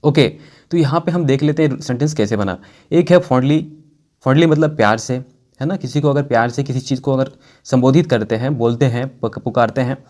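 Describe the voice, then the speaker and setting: Indian man teaching English, slow repetitions. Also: mid-range voice, a little mellow. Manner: explains patiently, repeats example sentences slowly. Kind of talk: casual spoken English lesson.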